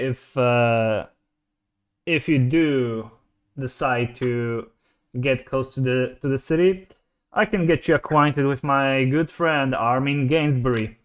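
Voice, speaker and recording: Male game master, smooth mid voice, a bit hesitant. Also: mid-range voice. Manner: hesitant, fillers. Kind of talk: game master speaking as a character. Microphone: headset or desk mic over voice chat.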